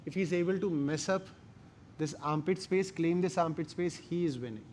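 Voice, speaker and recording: Male martial arts instructor, Indian accent, slightly high voice, emphatic short phrasing, live class with some background noise. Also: moderate pace, a little mellow. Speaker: jiu-jitsu instructor.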